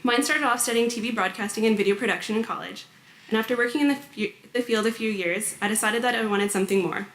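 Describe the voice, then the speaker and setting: A woman's voice: on the high side, fast, a bit bright. A woman from Canada, a graduate student, giving a prepared and lightly humorous speech at an orientation. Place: large hall before hundreds of students. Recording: echoey hall.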